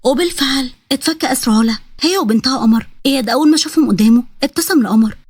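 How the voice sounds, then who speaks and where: A woman with an Egyptian accent narrating a fairy-tale story in a brisk, plain manner. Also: high-pitched, a little mellow, husky, no echo. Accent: Egyptian Arabic.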